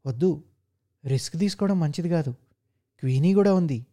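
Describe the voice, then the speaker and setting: A man's voice: a little high, normal speed, warm tone, close to an everyday voice. Man playing a jittery foreign tourist. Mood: nervous. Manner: nervous and cautious. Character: timid fussy male foreign tourist.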